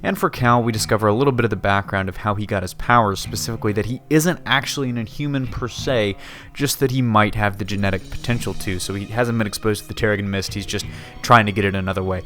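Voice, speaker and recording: A man's voice: fairly low pitch, fast, fairly bright tone, soft background music. A man hosting a casual, conversational review, his mouth swollen and a little woozy after having his wisdom teeth out. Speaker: host of a TV episode review show.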